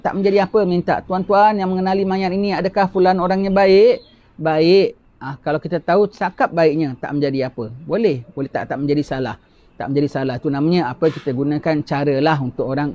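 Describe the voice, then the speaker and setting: A man's voice: fairly high pitch, dark tone. A man giving a religious lecture who explains patiently, repeats key phrases and asks rhetorical questions. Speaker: religious teacher. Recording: dull lo-fi recording.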